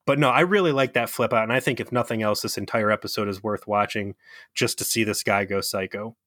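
A man's voice: lowish voice, a little fast, fairly bright tone, dry recording, clean studio sound. A man co-hosting a podcast, chatting casually about a TV episode, swearing and laughing as he acts out lines. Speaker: podcast co-host. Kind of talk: casual chat recapping a TV episode.

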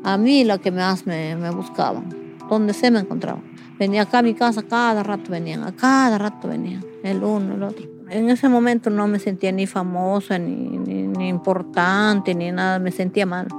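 Gravelly middle-aged woman. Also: mid-range voice, moderate pace. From Peru. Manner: plain-spoken, repetitive, emotional. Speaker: interviewee, mother. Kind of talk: recorded interview. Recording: faint music bed.

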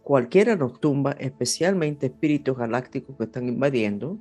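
A woman's voice: a bass voice, moderate pace, dark tone, slightly rough. Woman, second-language Spanish, over music. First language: not Spanish (Spanish is second language). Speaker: astrologer, horoscope presenter. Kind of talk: unscripted horoscope and spiritual talk to audience.

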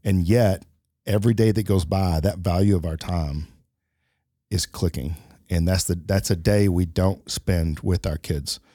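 Middle-aged guy musing on a podcast, low mellow voice, dry sound. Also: unhurried, dry recording. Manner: reflective, many fillers and restarts. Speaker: podcast co-host. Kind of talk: casual conversation.

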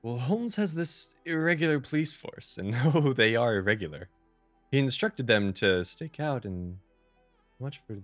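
An actor playing an earnest, gentlemanly Victorian doctor in a period mystery audio drama. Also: male voice, mid-range voice, expressive, measured pace, dry recording, faint music behind, close to an everyday voice. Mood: animated storytelling.

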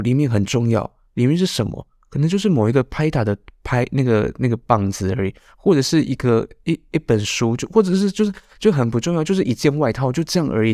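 A man's voice: mid-range voice, a little mellow, no room sound, studio quality. A man with a Taiwanese Mandarin accent hosting a podcast, telling a personal story in a candid, rambling way. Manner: candid, confessional, rambling with many restarts. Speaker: podcast host.

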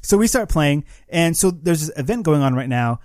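Animated storytelling man, dry mic. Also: a little high, moderate pace, no room sound. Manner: animated storyteller acting out quoted players. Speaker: podcast co-host. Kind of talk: casual gaming chat.

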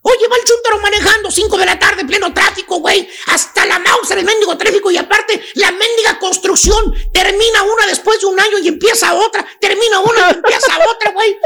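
Shrill gravelly Mexican woman joking loudly. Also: steady tone, brisk, few pauses. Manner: rowdy, slangy, laughing and shouting. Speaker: radio comedy host. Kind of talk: comic radio storytelling.

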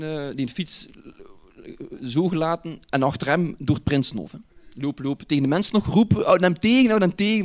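Animated Flemish man telling a story. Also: on the high side. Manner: animated, chuckles often while telling. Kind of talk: telling a personal anecdote.

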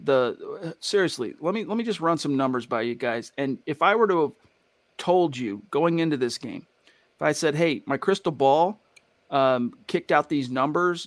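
A man's voice: fairly high pitch, no echo. A man with an American accent hosting a sports show, talking casually and emphatically, often tossing in rhetorical questions. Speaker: sports livestream host. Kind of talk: casual sports talk and commentary.

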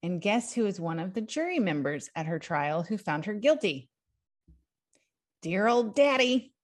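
A young adult woman, a podcast co-host, excitedly recounting history from notes in a casual chat, prone to giggles. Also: on the low side, normal speed.

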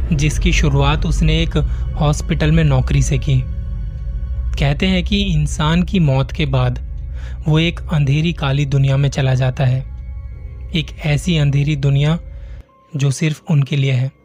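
A man reading a horror story as suspenseful first-person narration, slow and measured. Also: a little high, fairly even intonation, a little mellow, faint music behind.

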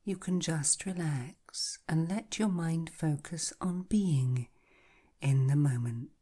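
A woman guiding a hypnotic relaxation in a soft, breathy, half-whispered voice, slow and soothing like a calming countdown. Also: deep voice. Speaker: hypnotherapy guide. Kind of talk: guided hypnosis relaxation, scripted narration.

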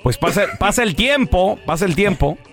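A man's voice: sits high, expressive, normal speed, a bit bright, soft background music. A man telling jokes in casual banter with friends, switching voices for the characters. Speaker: joke-telling co-host.

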